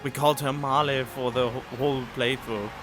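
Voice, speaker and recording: Reacting casually to game cutscenes, a man thinks aloud and sounds puzzled. His mid-range voice moves at a moderate pace with fairly even intonation, picked up by a studio condenser mic over the cutscene music.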